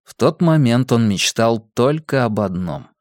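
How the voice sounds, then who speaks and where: A man narrating an audiobook with expressive storytelling. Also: mid-range voice, unhurried, no echo, studio quality. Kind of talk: scripted narration.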